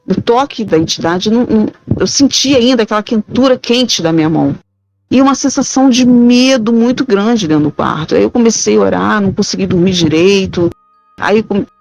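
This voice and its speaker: A woman's voice: medium pitch, a little mellow, no room sound, rough recording. A middle-aged Brazilian woman with a Brazilian Portuguese accent recounting a haunting experience in the first person, hesitant and searching for words. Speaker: caller sharing a haunting account. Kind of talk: first-person ghost story telling.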